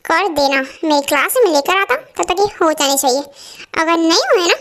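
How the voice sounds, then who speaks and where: A woman's voice: very high-pitched, animated, brisk, a bit bright, exaggerated voice. A woman dubbing a bossy, teasing male college professor in a Hindi fan drama. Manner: bossy, then coaxing. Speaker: voice dubber.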